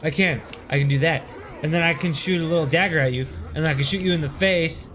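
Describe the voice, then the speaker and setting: A young man playing a video game while drunk, swearing, yelling at enemies and chatting with a friend. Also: on the high side, fast talker, slight background noise. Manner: loud, profane outbursts at the game. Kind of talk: casual gaming banter.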